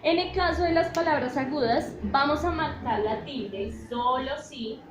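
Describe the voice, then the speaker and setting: Woman teacher, slow and patient, slightly high voice, echoey room. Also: crowd noise. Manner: slow and patient, checks in often with "¿listo?". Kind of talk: spanish grammar lesson.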